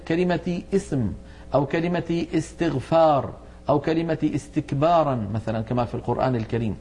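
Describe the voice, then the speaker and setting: A man's voice: fairly high pitch, mellow. Methodical male recitation teacher. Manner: methodical, explanatory, slows to enunciate examples. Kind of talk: televised lesson.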